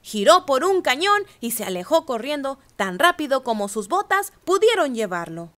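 A woman reads a children's picture book aloud, animating each line. Her voice is high and swoops expressively through the narration. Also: very animated, moderate pace, a bit bright. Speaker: storyteller.

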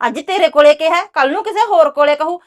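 A sharp-tongued village housewife, voiced by a woman, high-pitched. She scolds and curses freely. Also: fast, lightly acted. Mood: scolding. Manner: scolding, cursing. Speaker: actress. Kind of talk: village drama dialogue.

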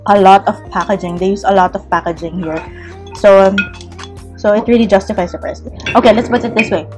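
A woman's voice: mid-range voice, fairly even intonation, brisk. A middle-aged Filipino-accented woman reviewing food in casual chat, talking between bites and mixing Tagalog into her English. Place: outdoor patio table. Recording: music and clinking dishes behind.

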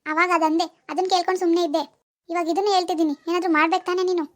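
A proud, demanding young village woman in a cartoon, voiced by a woman. She speaks in a very high, rapid voice, scolding and sarcastic. Her tone stays sharp and dismissive. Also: level tone. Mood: scornful. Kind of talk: cartoon dialogue voice acting.

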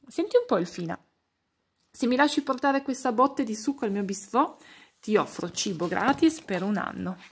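A woman voicing a happy, giddy female frog that stammers through squeaky, high words in a storybook reading. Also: animated, moderate pace, slightly rough. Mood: eager.

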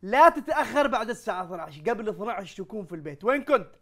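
A man playing a blustering, middle-aged father who curses quickly and talks loudly in exasperation, in a comedy sketch. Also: high voice, sing-song, full character voice. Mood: scolding. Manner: loud, exasperated, rapid cursing. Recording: music playing behind the voice.

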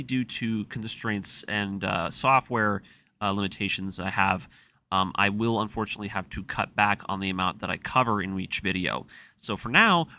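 A man hosting a video series narrates a recap in a conversational, semi-scripted style, with music playing behind his voice. His voice is lowish, pushed and bright.

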